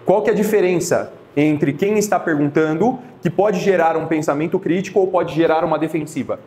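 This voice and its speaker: A man, teaching a class of therapists in a lively, conversational way and often restarting his sentences. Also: fairly high pitch, brisk. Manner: conversational, lively, with many restarts and acted quotes. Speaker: therapy instructor. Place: classroom with students.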